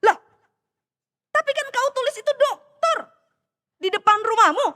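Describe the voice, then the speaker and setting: A woman preacher voicing a hearty, nosy male friend with a Medan accent, loud and teasing. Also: extremely high pitch, expressive, a little slow, big-room sound, pitched above the performer's own voice, heavily acted. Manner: loud, back-slapping and teasing.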